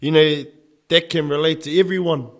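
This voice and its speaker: A man's voice: fairly high pitch, fairly even intonation, moderate pace. A man with a broad New Zealand Māori English accent, co-hosting a podcast with jokey, slangy banter. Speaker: podcast co-host. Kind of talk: casual banter.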